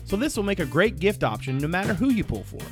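A man's voice: sits high, very animated, fast, over music. A man hosting a podcast, reading a scripted promotional message for a sponsor.

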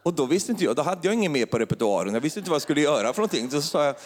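A middle-aged man, a preacher telling a funny personal story in a sermon, chuckling as he goes and building up to excited praise. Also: a little high, a little hiss or hum. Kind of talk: humorous sermon testimony. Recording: long hall reverb.

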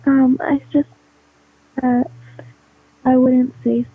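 A woman's voice: high voice, level tone, takes it slowly, slightly rough, no room sound. Faint young woman, phone held away. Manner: hesitant, mumbling answers. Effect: faint, distant voice as if the phone is held away. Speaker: prank call target. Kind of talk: phone conversation. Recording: tinny muffled phone line.

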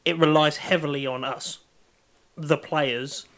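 A man's voice: a little high, steady tone, measured pace, a bit bright. A man bantering casually as a player in a tabletop game group.

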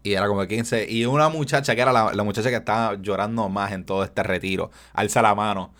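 Animated young man telling stories. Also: fairly low pitch, quick pace. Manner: animated storytelling, mixing English into Spanish, acting out voices. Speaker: podcast host. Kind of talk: casual chat.

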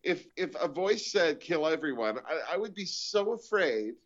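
A man's voice: fairly high pitch, normal speed. A man from Canada, a comedian and show host, telling stories in a casual chat and acting out the voices he quotes. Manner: animated storytelling, acts out quoted voices. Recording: dull lo-fi audio.

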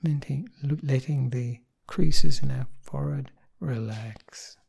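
A man guides a meditation very slowly and gently. His voice is soft and dark, with a gravelly, breathy grain. He gives short soothing instructions and lets each one settle before the next. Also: mid-range voice. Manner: gentle, unhurried, pausing between short phrases. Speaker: meditation teacher leading a guided meditation.

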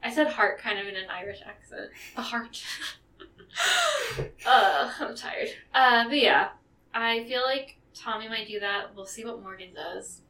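A woman's voice: medium pitch, unhurried, bright, forceful tone, far from the mic. A young woman co-hosting a casual podcast chat, laughing often and filling her talk with "like". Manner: chatty, laughs often, heavy use of "like". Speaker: podcast co-host. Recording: echoey room, away from mic.

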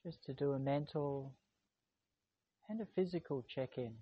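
A man speaking calm, slow, soothing instructions as he guides a meditation. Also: mid-range voice, husky, dry recording, highs cut off.

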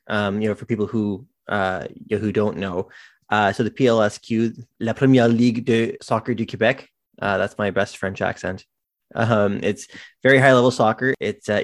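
Low-voiced male host, dry sound. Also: no echo. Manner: conversational, filler-heavy. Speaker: interview host. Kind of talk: casual interview questions.

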